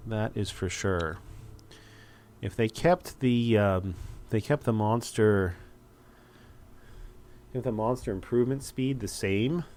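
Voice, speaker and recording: A man's voice: fairly low pitch, takes it slowly, long pauses, a little mellow, slight background noise. A man casually commenting on a strategy game as he plays, thinking aloud with wry asides. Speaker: let's play host.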